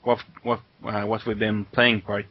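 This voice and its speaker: A man's voice: fairly low pitch, flat delivery, measured pace, no room sound. A man co-hosting a podcast in casual chat, enthusiastic and laughing often. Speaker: podcast co-host. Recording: muffled lo-fi audio.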